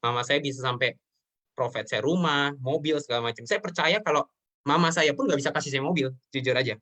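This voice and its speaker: Brisk and sharp, this mid-range male voice belongs to a man in his twenties who speaks earnestly and emotionally as a guest in an interview. He often addresses the host as "sir" while sharing personal matters.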